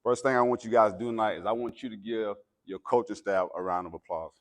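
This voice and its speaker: A man's voice: fairly low pitch, quick pace, heavy background noise. An American man delivering a pregame pep speech as a guest motivational speaker, preacherly and emphatic. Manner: preacherly, emphatic, builds from calm talk to loud exhortation.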